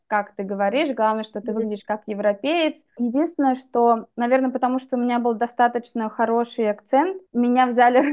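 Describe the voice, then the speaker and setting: Recorded through a video call webcam in a dim room, a young woman from Russia shares her personal story in an interview. She is an English teacher appearing as a guest, and her slightly high, darkish voice carries a candid, reflective tone.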